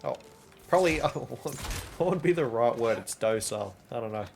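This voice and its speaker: A man's voice: medium pitch, expressive, normal speed, creaky, faint music behind. Chatty Australian streamer guy. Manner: chatty, joking, laughs often, slang-heavy. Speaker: gaming streamer. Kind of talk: casual live-stream commentary.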